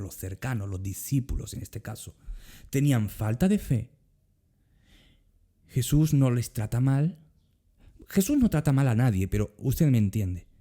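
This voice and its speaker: A man's voice: mid-range voice, breathy edge. A middle-aged man with a Spanish accent preaching a sermon as pastor, acting out quoted words. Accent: Spain Spanish. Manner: animated, acts out Jesus's words in quotes.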